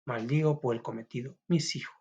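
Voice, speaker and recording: A man's voice: medium pitch, a little fast, mellow, breathy edge, lo-fi sound, close to an everyday voice. A man voicing a wronged, grieving woman from a legend in a classroom play reading, crying out in tearful pleas. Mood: anguished. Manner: tearful, pleading cries.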